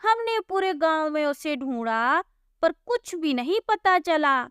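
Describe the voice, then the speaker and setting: A woman's voice: high voice, expressive, slow, a bit bright, no echo, clean studio sound, pitched above the performer's own voice, full character voice. A woman voicing a flustered, simple middle-aged village man who earnestly pleads with a policeman in a storybook tale. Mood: pleading. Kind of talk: storybook voice acting.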